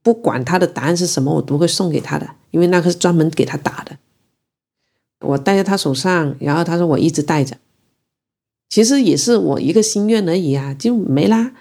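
Low, mellow woman from Guangzhou; reflective first-person storyteller. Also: creaky. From Guangzhou, China. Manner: reflective, unhurried and emotional in recounting. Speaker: interviewee telling her own story.

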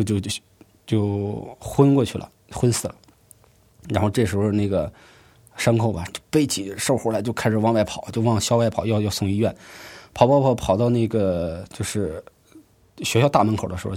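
A man tells a story from his own life, speaking in a fairly low voice. He talks in an unhurried, conversational way and often restarts his sentences mid-thought. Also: dark tone. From rural Hebei, China. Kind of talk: first-person storytelling.

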